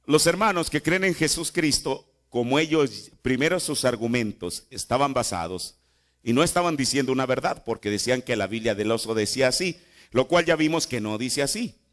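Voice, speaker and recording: A man's voice: mid-range voice, lively intonation, moderate pace, a bit bright. A man preaching a sermon in a church, repeating phrases and asking the congregation rhetorical questions. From Mexico. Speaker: pastor.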